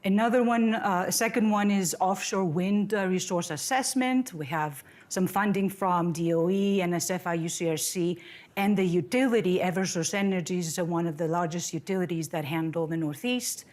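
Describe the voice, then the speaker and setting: A woman's voice: fairly low pitch, moderate pace, darkish tone. A middle-aged woman from Greece giving an academic seminar talk in a conversational, friendly way, with fillers and restarts, at a podium in a lecture room. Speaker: seminar speaker, professor.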